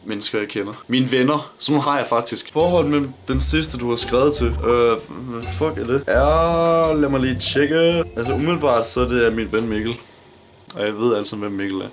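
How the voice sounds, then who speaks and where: A nineteen-year-old man from Denmark answering viewer questions in a casual vlog, blunt, joking and swearing a lot. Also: medium pitch. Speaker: YouTuber.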